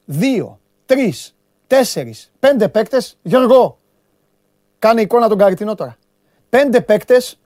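A man hosting a sports TV show, giving lively, joking commentary on amateur football clips and bantering with his studio crew. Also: high voice, no echo. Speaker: sports TV host.

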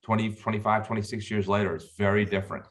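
A man from Florida and the Bahamas speaks as a guest on a business podcast, easygoing and matter-of-fact. His voice sits a bit low as he recounts things plainly. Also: fairly even intonation, quick pace. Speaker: company founder guest. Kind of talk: casual interview.

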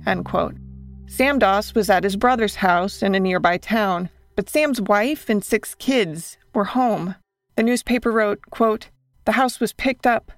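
A woman with a medium-pitched voice narrates a scripted true story as a host. Her storytelling is measured, with faint music playing underneath. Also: no echo.

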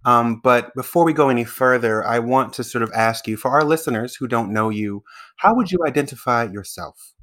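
A man hosts an interview podcast and talks in an earnest, explanatory way. His voice sits at an ordinary, middle pitch. He asks his guest questions and sets out his ideas at some length. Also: fairly quick, a bit bright. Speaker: podcast host. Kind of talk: conversational interview.

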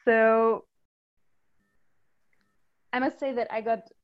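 A woman's voice: on the high side, little pitch movement, slow pace, lo-fi sound. A woman from Germany, a guest on a podcast interview, talking thoughtfully with many ums and restarts. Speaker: guest, user research lead.

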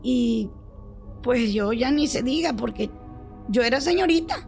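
Older lady telling a story, acts out the people in it, high voice with lots of fry. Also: a little slow, soft background music. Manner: animated, acts out the people she quotes. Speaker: storyteller guest. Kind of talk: telling a true story in a chat.

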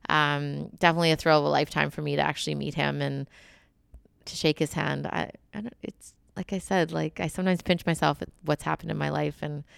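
Low-pitched woman with a gravelly edge. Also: brisk, no room sound, clean studio sound. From Canada. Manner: animated storytelling, laughs often. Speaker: guest, Olympic curler. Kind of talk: casual interview conversation.

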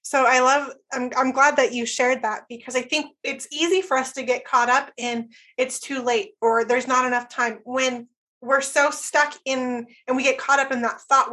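A woman's voice: sits high, bright, forceful tone. A woman in her late thirties hosting a podcast interview, agreeing and conversational. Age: 30s. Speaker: podcast host.

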